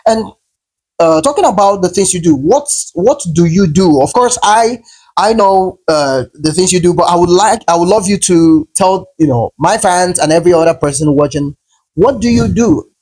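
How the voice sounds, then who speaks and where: A podcast host with a high, animated voice conducts a casual interview at a moderate pace, his tone a little mellow with a breathy edge. Enthusiastic and encouraging, he heaps praise on his guest and keeps repeating it.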